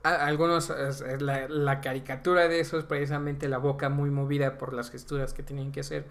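A man's voice: mid-range voice, flat delivery, a little fast, vocal fry. A young Mexican man on a casual podcast, explaining at length and tagging nearly every phrase with a slang filler. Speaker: podcast co-host. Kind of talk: casual chat.

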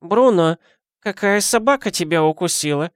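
A man voicing a stern, sharp-tongued old village woman who scolds and warns. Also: sits high, expressive, normal speed, no echo, clean studio sound, voice pushed up. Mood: stern, scolding. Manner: scolding, warning.

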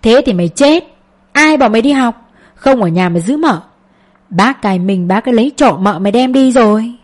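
A woman reading an audiobook, voicing a blunt, loud older village woman who teases with rapid questions. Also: a little high, lively intonation. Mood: teasing.

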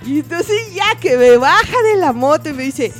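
A woman, her voice sitting a little high, tells an anecdote in a relaxed, chatty way. She slips into the voices of the people she quotes, jumping up and down in pitch to act them out. Faint music plays behind her. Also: normal speed. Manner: animated, acts out the voices of people in her story. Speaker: interview guest. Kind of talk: casual anecdote telling.

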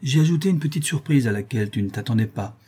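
Man doing grumbling old fence, low and husky. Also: expressive, fast, darkish tone. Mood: grudging. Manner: subdued, grudging and low. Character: fretful older male fence, reluctant and grumbling. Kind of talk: audiobook character voice.

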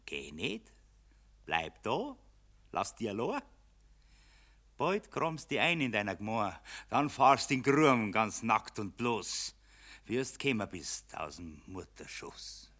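An actor playing Mammon, the mocking spirit of money, with a Bavarian accent and a taunting, sneering manner in a radio play. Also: male voice, on the low side, big pitch swings, slow pace, pushed and bright, heavily acted. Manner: taunting, sneering, gloating laughter. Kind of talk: broadcast radio play acting.

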